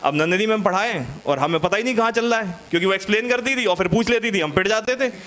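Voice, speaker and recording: A man's voice: high-pitched, fast talker, fairly bright tone. A young man from India doing a stand-up comedy set, chatty and teasing the audience, acting out school stories. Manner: chatty, teasing the audience, acts out classroom scenes.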